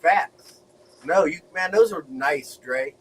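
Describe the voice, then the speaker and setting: A man hosting a casual livestream grow show, talking in an excited, profane, laughing way. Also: fairly high pitch, slow, husky, far from the mic, rough recording. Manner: hyped, profane, laughing often.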